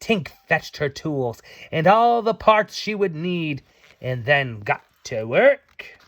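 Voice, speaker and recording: Slow and expressive, this man's fairly bright, higher-pitched voice brings a children's story to life as he reads to his kids. He hams it up like a playful parent, tossing in small asides along the way.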